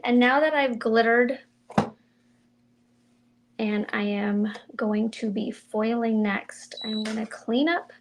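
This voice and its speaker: Her slightly high, gravelly voice unhurried and mild, a woman chats casually while demonstrating card-making on a stream, thinking aloud as she goes. Faint tool clicks and a little hiss or hum can be heard.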